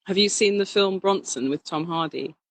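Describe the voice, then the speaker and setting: A woman drag king performer chatting casually in an interview, animated and quick to laugh, often restarting her sentences. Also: medium pitch, no room sound, poor audio.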